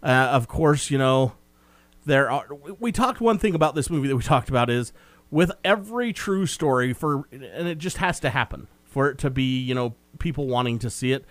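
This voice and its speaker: A man's voice: medium pitch, lively intonation, normal speed, fairly bright tone, no echo. Talkative man co-hosting a film review. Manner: meandering, talkative recap. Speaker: movie review co-host. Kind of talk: casual chat.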